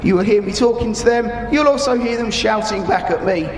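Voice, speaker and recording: A man's voice: high voice, brisk. A British man in his thirties giving live, explanatory commentary to spectators at a military display, in informal language over a public address microphone. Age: 30s. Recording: echoey arena PA, crowd and noise.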